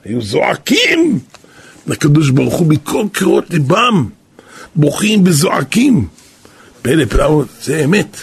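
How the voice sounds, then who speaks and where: A man who is a rabbi and kabbalist, giving a Torah sermon as a storyteller who breaks into shouts for emphasis. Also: on the high side, sing-song, vocal fry, slightly rough.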